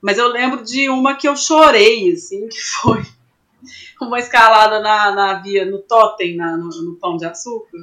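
A young woman from Brazil telling an animated story in a casual interview, laughing often and acting out what people said. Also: medium pitch, normal speed. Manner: animated, laughs often, acts out quoted voices. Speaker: climber guest.

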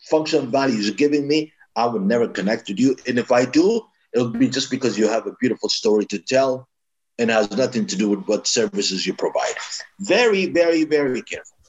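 Male interview guest, branding expert, mid-pitched, emphatic and advising, restarts often. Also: muffled recording. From East Africa. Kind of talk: explanatory interview talk.

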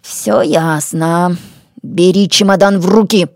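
A woman's voice: on the low side, steady tone, takes it slowly, no room sound, studio quality. Woman playing a bossy boy posing as a demon. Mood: commanding. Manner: commanding, gruff. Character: bold invisible village boy posing as a demon.

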